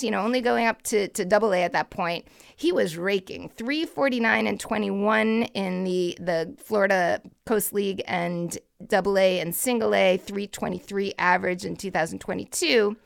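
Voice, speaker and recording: A woman's voice: medium pitch, vocal fry, fairly bright tone. A woman co-hosting a podcast, chatting casually about baseball in a rambling, laughing way. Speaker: podcast co-host.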